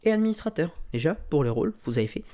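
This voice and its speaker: A man with a fairly high-pitched, quick voice runs through a casual screen-recorded tutorial. Relaxed as a tutorial creator, he narrates each click and fills the gaps with plenty of filler words.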